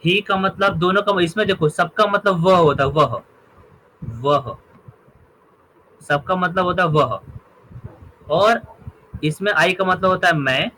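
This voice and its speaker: A man's voice: sits high, slow, long pauses, bright, forceful tone, low-quality recording. A man teaching a grammar lesson, explaining through examples and often checking that his students follow. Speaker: English teacher.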